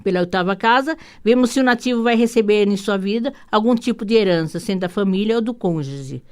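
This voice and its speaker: Brazilian woman hosting radio astrology talk. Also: medium pitch. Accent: Brazilian Portuguese. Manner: rambling, warm asides with frequent "né?" tags; hurried, many restarts and repeated words. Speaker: radio show host and holistic psychotherapist.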